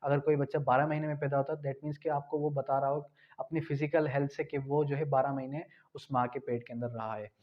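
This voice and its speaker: A law tutor gives an exam-prep lecture in a mid-range voice, brisk and level in tone. He explains through rhetorical questions and keeps repeating the key points. The recording is dull and lo-fi.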